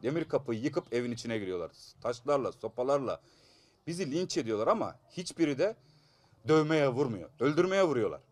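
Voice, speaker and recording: A man's voice: mid-range voice, very animated, brisk, no room sound. Urgent, aggrieved man with a blocked nose. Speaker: assault victim giving a statement. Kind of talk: news interview statement.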